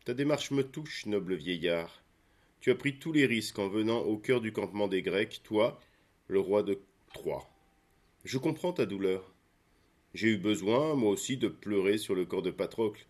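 A heartbroken warrior king speaks in a solemn, earnest storybook tone, as a man reads him. His voice sits a little low and carries quiet weight. He pleads and apologizes with gravity. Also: lively intonation, moderate pace. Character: grieving noble Greek hero, humbled.

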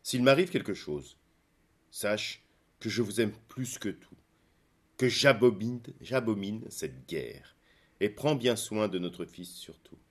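Man reading Hector, a grave devoted warrior, earnest and measured, low voice, storybook reading. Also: animated. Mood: tender.

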